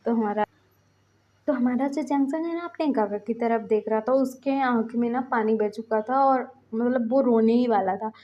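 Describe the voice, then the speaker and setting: A woman's voice: a little high, normal speed. A woman casually narrating her own fan fiction, chatty and full of fillers as she retells each scene. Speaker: storyteller. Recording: dull lo-fi voice recording.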